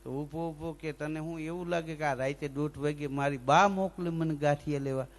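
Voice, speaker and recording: A male folk comedian spins comic village tales and slips into lisping character voices. His voice sits high and has a gravelly edge. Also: moderate pace. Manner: lively joke-telling with sung bits and acted lisping voices. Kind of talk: dayro comic storytelling.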